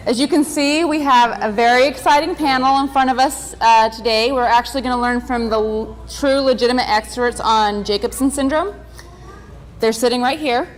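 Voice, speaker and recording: A woman's voice: fairly high pitch, normal speed. A woman moderating a conference panel, friendly and organized as she explains things to the audience. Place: conference hall. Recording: echoey hall with background noise.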